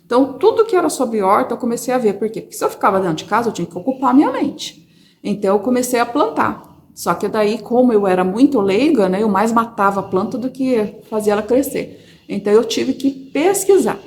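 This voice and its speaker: A woman with a Brazilian Portuguese accent, telling her personal faith testimony to viewers in an expressive, chatty way from a corner of her home. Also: a little high, brisk. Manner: expressive storyteller, addresses viewers as brothers. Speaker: testimony speaker. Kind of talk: personal religious testimony, casual.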